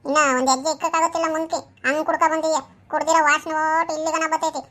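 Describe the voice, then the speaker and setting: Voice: high-pitched, flat delivery, racing. A performer playing a village wife who mocks and scolds her drunken husband in a comic skit. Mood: mocking, scolding. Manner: sharp, mocking, scolding.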